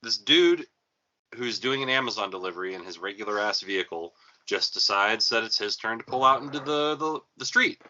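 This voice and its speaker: A man hosting a casual podcast chat, telling a rambling, profane story, with a thin, tinny sound that has no bass, like a speakerphone across the room. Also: animated, a little fast, bright, forceful tone. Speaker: podcast host.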